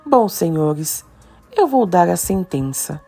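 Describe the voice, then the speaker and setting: A woman voicing a stern, formal male judge who speaks slowly and measuredly. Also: lowish voice, big pitch swings, gravelly, mellow, soft background music, heavily acted.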